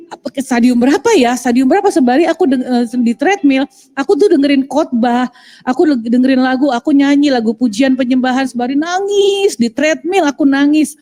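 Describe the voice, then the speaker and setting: Woman, emotional testimony, halting delivery, highish mellow voice. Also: lively intonation. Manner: halting, many fillers and restarts. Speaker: guest sharing testimony.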